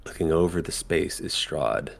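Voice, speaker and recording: A man's voice: a bass voice, moderate pace, creaky, heavy background noise. A man narrating as dungeon master in a tabletop game, talking in a hesitant way with many ums and frequent laughs.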